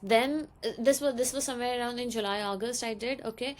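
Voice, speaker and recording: A young woman with an Indian English accent, chatting casually in a storytime vlog, acting out quoted lines in a higher voice. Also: fast. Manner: chatty, many ums, acts out quoted dialogue in a higher voice. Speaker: vlogger.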